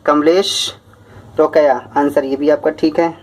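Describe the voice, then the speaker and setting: A man, a teacher out of breath from talking fast as he reads out viewers' comments. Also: slight background noise. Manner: lively, talks fast, rises in pitch.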